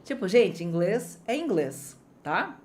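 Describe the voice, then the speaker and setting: Talking slowly, a woman from Brazil leads an online English lesson with plenty of energy and chatter. She addresses her students head-on, and her voice swings widely in pitch.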